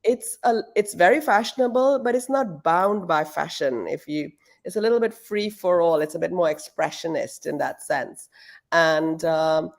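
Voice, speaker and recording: A woman's voice: lowish voice, normal speed, creaky. A middle-aged woman from Pakistan, answering interview questions at home in a thoughtful, casual way with fillers and restarts. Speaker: guest, shoe brand founder.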